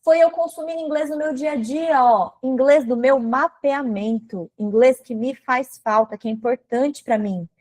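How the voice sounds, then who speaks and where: A woman from Brazil teaching English in a live online class, chatty and animated, speaking straight to her viewers. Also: high-pitched, moderate pace, hardly any pauses. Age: adult with a daughter.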